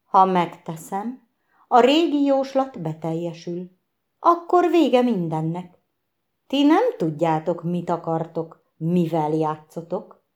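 A tiny green elf from a storybook, speaking in a flat yet firm and determined way, as a woman narrator acts it out. The voice sits a little higher, with a lively rise and fall. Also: close to an everyday voice. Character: tiny green elf guarding a magic stone.

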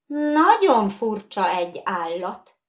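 A woman's voice: medium pitch, sing-song, natural voice. A woman voicing a nervous, vain porcelain doll in a storybook reading, prim and easily indignant.

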